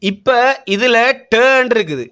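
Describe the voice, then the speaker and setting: A man teaching an online language class, patiently repeating each word slowly for his students to copy. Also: very high voice, lively intonation, a bit bright, smooth. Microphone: video call.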